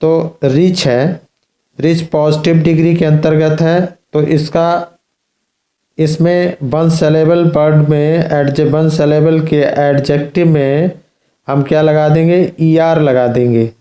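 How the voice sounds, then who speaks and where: A man teaching an English grammar lesson to schoolchildren, explaining slowly and repeating himself. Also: on the high side, flat delivery, warm tone, echoey room, rough recording. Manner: slow, repetitive explaining, addressing children. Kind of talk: classroom lesson.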